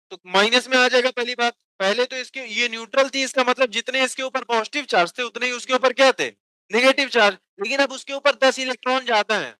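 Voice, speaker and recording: High-voiced bright Hindi physics teacher. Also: male voice, clean tone, no echo, poor audio. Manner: asks students questions and answers them himself; dictates notes slowly word by word. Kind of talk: classroom lecture.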